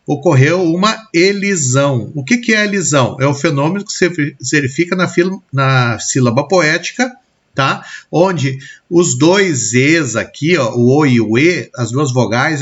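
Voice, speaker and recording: A man's voice: a little high, a bit bright, highs cut off. A man with a Brazilian Portuguese accent teaching a recorded lesson on poetry, explaining step by step and checking in often with his students.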